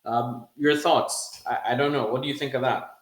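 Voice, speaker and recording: A man's voice: mid-range voice, fairly even intonation, normal speed. Chatty man in a roomy echo. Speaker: podcast host. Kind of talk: casual football chat.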